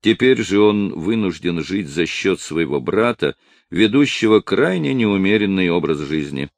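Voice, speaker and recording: A man's voice: low voice, animated, measured pace, no room sound. A man voicing a poor but proud old father who speaks sternly and with indignation.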